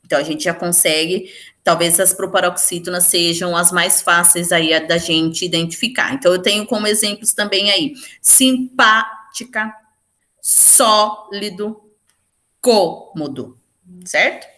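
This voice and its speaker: A woman teaching a Portuguese grammar lesson for exam preparation, explaining step by step and slowing down to stress example words. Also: fairly low pitch, steady tone, sharp tone. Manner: explains step by step, often checking in with "certo?".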